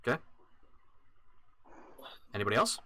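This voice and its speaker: A man narrating as dungeon master in a relaxed way with many pauses and fillers. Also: dry recording. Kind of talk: narrating a tabletop game.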